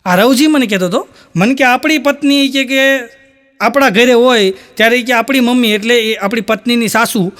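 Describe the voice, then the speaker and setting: A man's voice: very high-pitched, normal speed, fairly bright tone. A man telling folk jokes, rambling through stories and acting out each quoted voice. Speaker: stand-up comedian. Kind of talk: Gujarati folk comedy storytelling.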